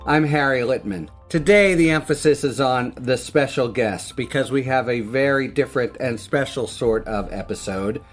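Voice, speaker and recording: A man with a mid-range voice hosts a political roundtable podcast. His phrasing is measured and formal. Faint music sits under his words. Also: medium pitch. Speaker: podcast host. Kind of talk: scripted introduction, then interview questions.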